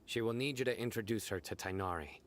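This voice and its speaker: Man as a low, stern game general. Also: background noise, natural voice. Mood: serious, calm. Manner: measured, serious, commanding. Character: stern, composed young male enforcer general. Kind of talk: video game voice acting.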